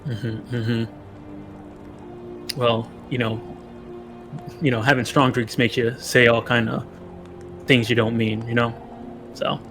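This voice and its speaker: Man playing a creaky-voiced proud dwarf tavern keeper. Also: medium pitch, little pitch movement, slow pace, long pauses, music in the background. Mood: suspicious. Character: proud, suspicious eldest dwarf brother running a tavern.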